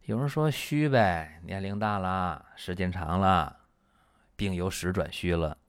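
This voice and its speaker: A man's voice: sits low, a little slow, dry recording, clean studio sound. A middle-aged man, a traditional Chinese medicine doctor, lecturing on patient cases in a chatty storytelling manner with frequent rhetorical asides. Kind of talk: lecture on case studies.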